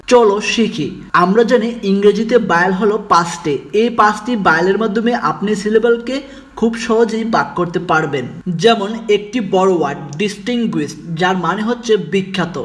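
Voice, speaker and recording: Brief: man with a high voice, measured step-by-step narration for an English pronunciation lesson. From Bangladesh. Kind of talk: scripted instructional narration.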